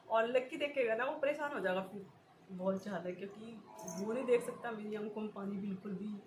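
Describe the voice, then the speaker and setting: A woman's voice: on the high side, a little mellow. A woman, talking in an emotional personal vlog, in short repeated phrases and often breaking into nervous laughs. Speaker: vlogger. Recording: echoey room with faint ambient noise.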